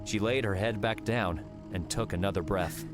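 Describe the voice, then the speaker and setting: Reading an audiobook at a normal speed, a man with a lowish voice gives dramatic, scripted narration over background music.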